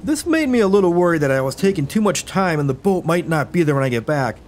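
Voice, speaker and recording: Wry, higher-pitched male gaming narrator. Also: sing-song, quick pace, a little hiss or hum. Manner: wry, self-deprecating storytelling. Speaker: gaming YouTuber. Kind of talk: scripted gameplay narration.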